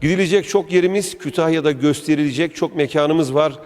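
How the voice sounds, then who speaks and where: Speaking fairly quickly in a high-ish, darkish voice, a man guides viewers around a museum for his travel vlog. He's enthusiastic and chatty, talking to the audience directly, and the indoor hall makes his voice echo.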